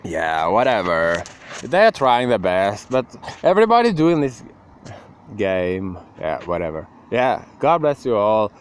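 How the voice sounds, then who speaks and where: A man's voice: fairly low pitch, sing-song, measured pace, slight background noise. A young man rambling emotionally to the camera in a casual monologue, breaking into laughs and sudden outbursts. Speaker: vlogger.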